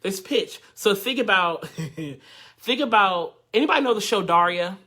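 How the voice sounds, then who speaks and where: A male voice teacher leads a live online workshop in a bright, forceful voice. He talks in a loose, chatty way, laughs often, and calls out to viewers as he teaches. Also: high-pitched, animated, measured pace.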